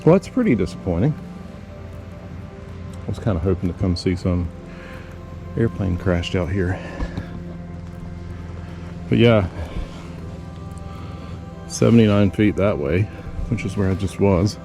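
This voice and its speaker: A man vlogging as he hikes through rough woods, thinking aloud in a relaxed way and a little out of breath. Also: low-pitched, a little slow, pauses often. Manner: relaxed, musing, talks to himself. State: slightly out of breath. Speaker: travel vlogger. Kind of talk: casual thinking aloud while hiking. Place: outdoors in rough wooded hills. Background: background music.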